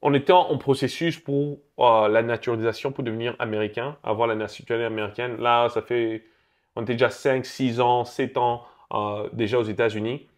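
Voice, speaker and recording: A young man from Congo, talking in a relaxed, reflective way about his life and laughing easily. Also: mid-range voice, fairly quick. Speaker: guest. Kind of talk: casual conversation.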